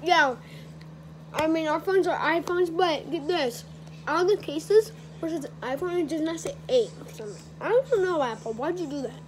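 High young woman talking while drinking. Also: expressive, moderate pace. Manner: chatty, rambling. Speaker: vlogger. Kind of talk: casual chat. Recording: noisy home recording.

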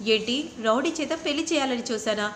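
A woman's voice: fairly high pitch, a little fast, fairly bright tone, a little hiss or hum, natural voice. A woman voicing a stern, proud older man who scolds defiantly, in a serial recap. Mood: scolding.

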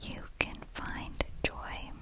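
Slow whispered pep talk from a woman. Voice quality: clicky, breathy unvoiced whisper. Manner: slow, repetitive, soothing encouragement. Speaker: ASMR host. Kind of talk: whispered pep talk, ASMR positive affirmations.

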